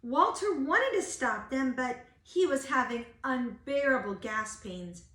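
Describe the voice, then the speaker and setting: A woman reads a picture book aloud like a teacher, expressively stressing key words in a high, a bit bright, animated voice at an unhurried pace. The home-style recording sounds roomy and echoing.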